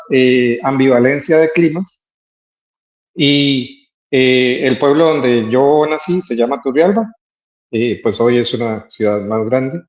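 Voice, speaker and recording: A Costa Rican man answering interview questions in a thoughtful, halting way, stopping often to gather his words. His voice sits at an ordinary pitch and sounds roomy and a little dull, as if it were recorded in an echoey space. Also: darkish tone. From Costa Rica. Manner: hesitant, thoughtful, many filler pauses. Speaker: guest artist. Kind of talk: interview conversation.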